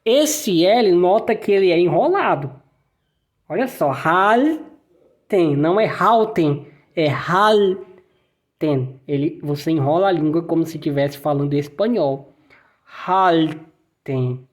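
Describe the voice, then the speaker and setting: A woman's voice: low-pitched, lively intonation, normal speed, warm tone. A woman with a Brazilian Portuguese accent teaching a German language lesson, patiently repeating letters and words for practice.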